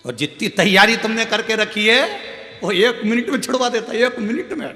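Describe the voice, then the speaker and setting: A man preaches a devotional sermon into a mic, recounting a scripture story with theatrical, animated flair. His voice is high-pitched and his pace normal. The large hall echoes with long reverb, and soft music plays faintly underneath.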